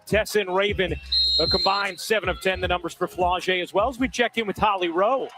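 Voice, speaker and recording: A man calling a televised basketball game from courtside as play-by-play commentator, brisk and measured. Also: high-pitched, steady tone, very noisy. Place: courtside at an arena.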